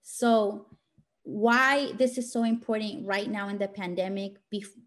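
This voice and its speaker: A woman's voice: mid-range voice, little pitch movement, unhurried. A woman giving an informal motivational talk in an emphatic, scolding teacher voice, speaking directly and colloquially.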